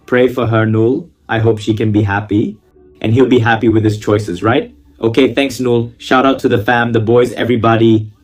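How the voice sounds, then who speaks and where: A man reading viewer confessions in a casual, slangy style, gleefully relishing the gossip and breaking in with mocking, exclamatory asides. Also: mid-range voice. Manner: slangy, exclamatory, theatrical reactions.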